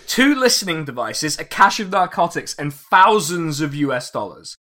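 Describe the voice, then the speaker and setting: A man's voice: on the high side, sing-song, normal speed, sharp tone. A man hosting a casual history podcast, chatty and wry, laughing often and swearing freely. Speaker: podcast host.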